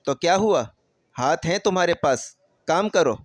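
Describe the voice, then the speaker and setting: A man voicing a cruel, harsh stepmother who scolds and barks orders in a sharp tone. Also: fairly high pitch, no echo, close to an everyday voice. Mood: harsh scolding. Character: harsh cruel stepmother, middle-aged woman.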